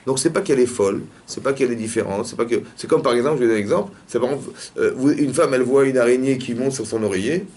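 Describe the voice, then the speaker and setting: A man, a rabbi, teaching a lively religious lesson in a classroom and pressing his students with repeated questions. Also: mid-range voice, racing, few pauses.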